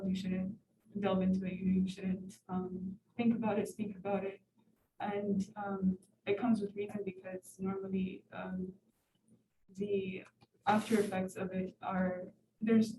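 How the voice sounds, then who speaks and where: This Ethiopian student, in her twenties, speaks up from the audience in a university lecture room, hesitating and restarting with many fillers. Her medium-pitched voice reaches a distant mic across a roomy hall, and the background is noisy.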